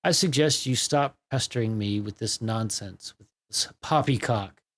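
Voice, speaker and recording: A man voicing a gruff, pompous older man who talks bluntly and dismissively. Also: mid-range voice, normal speed, a bit bright, natural voice. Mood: curt hostile.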